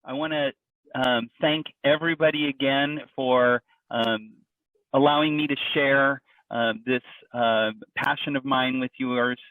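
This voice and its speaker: A man's voice: mid-range voice, steady tone, unhurried, fairly bright tone, dry recording. A man giving an informal presentation, talking in a loose, conversational way with frequent fillers and restarts. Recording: dry, distant, phone-like audio.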